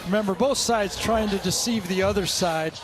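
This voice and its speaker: High-pitched male football analyst. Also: moderate pace, over music. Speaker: colour analyst.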